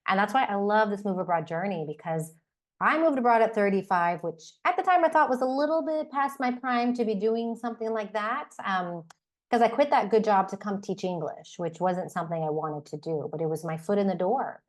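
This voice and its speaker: A woman's voice: medium pitch, a little fast. A woman in her forties from Texas with an American accent, chatting as a podcast guest, peppered with like and you know. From Texas, United States. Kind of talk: casual podcast interview.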